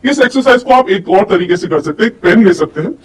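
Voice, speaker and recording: Animated and fast-talking with a mid-range voice, she leads a lesson as a voice and personality development coach. She asks her listeners questions, rhetorical ones included, and demonstrates directly to them, recorded from a distance with faint noise behind.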